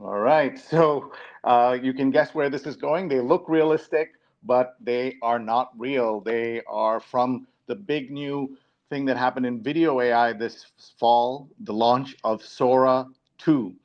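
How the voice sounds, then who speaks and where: A New York man hosts a live talk show in a relaxed, conversational way, his voice medium in pitch and his pace unhurried. The online stream audio is dull and lo-fi.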